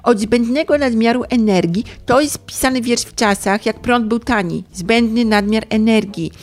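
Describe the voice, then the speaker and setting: A woman voicing an excitable, bossy dog who hosts a poetry corner in a comic sketch, squealing and giggly. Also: on the high side, normal speed, lightly acted. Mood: playful. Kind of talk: comic role-play sketch.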